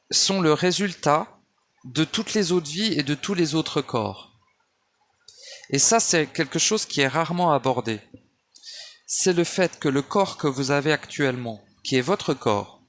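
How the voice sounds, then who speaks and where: At home, a man with a fairly high, somewhat bright voice gives a loose spiritual monologue, wandering off track with frequent restarts and fillers. He speaks to the listener as "tu," and the audio comes from a phone or simple microphone.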